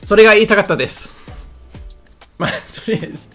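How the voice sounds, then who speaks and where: Soft background music sits under a man's high, animated, fairly quick voice with a slightly bright tone. He's a YouTuber jokingly commenting on a lesson video in a casual way, frequently tripping over words and poking fun at himself.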